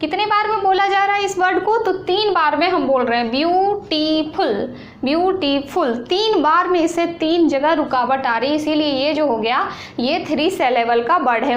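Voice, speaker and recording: High-voiced woman teaching in an echoey room. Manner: slow, repetitive explaining with questions to students. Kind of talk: online exam-prep lesson. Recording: echoey room with faint noise.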